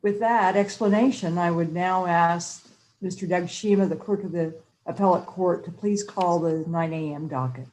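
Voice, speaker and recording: An American woman with a fairly low voice presides over a court. She speaks formally, in a measured and official manner. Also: a little mellow, poor audio. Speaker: chief justice presiding in court.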